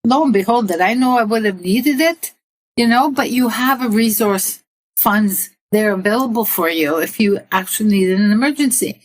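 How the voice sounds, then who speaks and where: A woman's voice: mid-range voice, normal speed, low-quality recording. An older woman from Italy, a guest in an interview, talking earnestly about her own life and giving advice, laughing at herself now and then. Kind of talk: personal interview.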